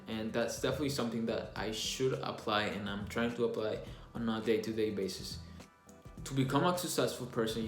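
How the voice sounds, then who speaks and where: A young man gives a casual, earnest book review, restarting phrases now and then as he reflects. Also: on the low side. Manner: earnest, plainspoken, with frequent restarts and self-reflection. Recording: echoey room with faint music underneath.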